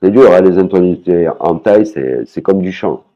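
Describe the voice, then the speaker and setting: A man's voice: low-pitched, animated, moderate pace, muffled recording. A man teaching a language lesson, patiently repeating words and singing out their tones.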